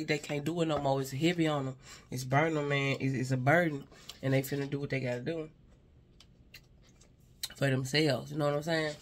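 There's slight background noise as a spiritual advisor, in a mid-range voice, rambles casually through a reading for viewers. Addressing an unseen person, the speaker sighs between ideas and repeats "you know what I'm saying" again and again.

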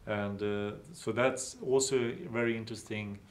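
Low-voiced researcher, hesitant. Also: male voice, fairly even intonation, normal speed. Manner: hesitant, many fillers. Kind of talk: interview.

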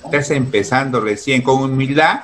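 A man's voice: medium pitch, normal speed, a bit bright, slight background noise. A man running a casual online interview over a video call, chatty and full of fillers. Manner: chatty, many fillers like "pues" and "este".

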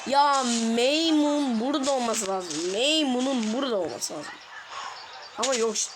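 A woman's voice: high-pitched, lively intonation, moderate pace. Exasperated young woman gamer, noisy audio. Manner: exasperated, chatty, laughs in frustration. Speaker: gaming video host. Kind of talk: casual gameplay commentary. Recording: noticeable background noise.

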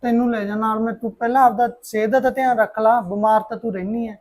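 An actor playing a protective, practical brother figure who reassures and firmly lays down the plan. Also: male voice, high voice, steady tone, darkish tone, natural voice. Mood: reassuring. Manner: reassuring, firm, fast-talking.

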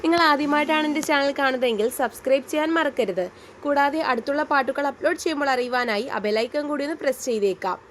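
Brief: woman storyteller, high voice, steady expressive read-aloud of a romance story. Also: quick pace, a little hiss or hum. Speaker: storyteller, channel host.

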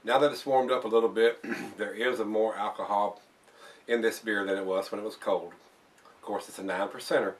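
A man's voice: fairly low pitch, steady tone, brisk, far from the mic. An older man casually reviewing a beer to camera in his home bar, rambling with fillers and restarts. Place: home bar room, indoors.

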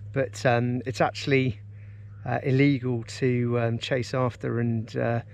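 A gravelly, mid-range voice belongs to an English outdoors vlogger in his forties, out on a river in a kayak. He chats casually and eagerly to the camera mounted on the boat, relaxed, with many ums and uhs.

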